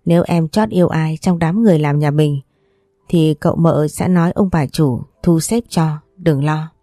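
A woman's voice: low voice, moderate pace, dry recording, studio quality, natural voice. A woman voicing a kind young mistress of a wealthy house, soothing and coaxing as she speaks. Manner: gentle, soothing, persuasive.

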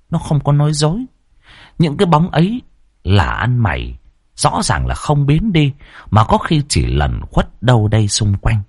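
A man telling a ghost story with dramatic, very animated pitch. His voice is husky and sits on the low side. The recording is dry and close. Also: no echo. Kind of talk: spoken ghost story narration.

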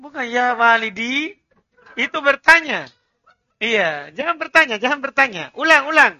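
A man with an Indonesian accent teaching an Arabic class, slowly modelling phrases, correcting pronunciation and calling for repetition. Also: very high-pitched, sing-song, sharp tone. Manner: corrects pronunciation and repeats drills; slow and deliberate when modelling phrases. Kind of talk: classroom language drill.

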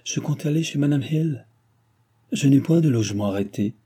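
A man's voice: medium pitch, expressive, brisk, dark tone, slightly rough, pitched above the performer's own voice. A man reading aloud and voicing an agitated, pleading young heiress in a raised voice. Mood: flustered.

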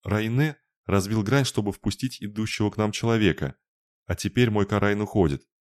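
A man's voice: lowish voice, moderate pace, voice pushed up, close to an everyday voice. A man voicing an agitated young man who speaks strained and groaning. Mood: anxious. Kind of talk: audiobook narration.

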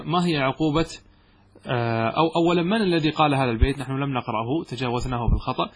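Husky man teaching a grammar lesson. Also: on the high side. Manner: explains step by step, asks the students questions and answers them himself. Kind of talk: classroom lecture.

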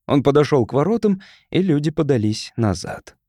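A man's voice: a little high, moderate pace, no room sound. Male audiobook narrator, dramatic, tenor-ish, dry studio read. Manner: dramatic, expressive reading.

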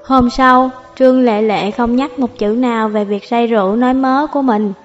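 A woman narrating a novel audiobook in a calm, even storytelling manner, over faint music. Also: a little high, moderate pace, highs cut off.

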